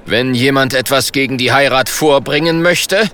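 A man's voice: medium pitch, moderate pace, a bit bright, lightly acted. Man doing a solemn bearded castle lord. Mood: solemn formal. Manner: solemn formal proclaiming. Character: bearded stately male castle lord, older.

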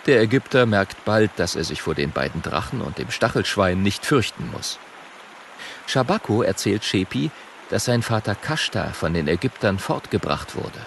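A man narrating a children's audiobook in an expressive way. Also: on the low side, normal speed, gravelly, slight background noise.

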